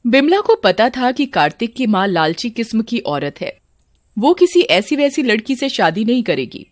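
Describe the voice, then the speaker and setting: Brief: dramatic woman storyteller, lively pitch, dry close sound. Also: normal speed, no room sound. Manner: expressive, dramatic. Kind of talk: scripted story narration.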